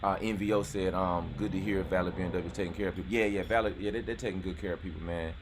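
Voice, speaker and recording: A channel host in his forties from North Carolina, US, runs a casual live-stream chat outdoors near a golf course, laid-back and rambling, saying "you know what I'm saying" a lot. His voice is deep, his intonation fairly even, and he talks fast over a noisy background.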